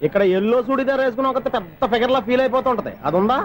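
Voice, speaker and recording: An actor playing an eager young man who pitches a film story to a veteran star, talking quickly in a film comedy scene. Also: a little hiss or hum. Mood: grumbling. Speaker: aspiring film story narrator.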